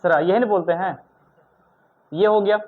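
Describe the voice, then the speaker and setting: A man's voice: high voice, normal speed. A male teacher in a classroom, running a grammar lesson and firing questions at students, stern and scolding. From India. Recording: tinny phone-like recording.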